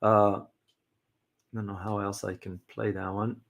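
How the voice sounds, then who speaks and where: A middle-aged man hosting a casual community livestream, talking in a halting way with many fillers and restarts. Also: on the low side, little pitch movement. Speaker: host.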